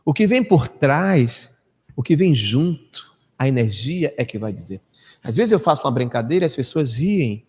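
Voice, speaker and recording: A Brazilian man in his fifties giving a storytelling lecture to a live audience, acting out quoted people and dropping to a hush at times. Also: very animated, moderate pace, slightly rough. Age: 50s. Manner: anecdotal, acts out quoted people with big pitch swings, drops to a hush. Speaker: spiritist lecturer. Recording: echoey hall reverb.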